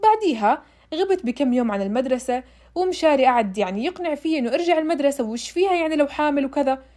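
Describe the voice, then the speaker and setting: A woman's voice: sits high, animated, very fast, a little mellow. A young woman telling her own story in a casual, emotional way, speaking straight to her listeners. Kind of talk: casual first-person storytelling.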